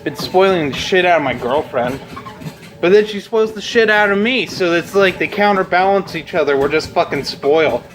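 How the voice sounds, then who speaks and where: A man's voice: high voice, lively intonation, normal speed, a bit bright, poor audio. A young man chatting casually and bluntly while walking on a treadmill, rambling and swearing freely as a video blogger. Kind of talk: casual unscripted chat to camera.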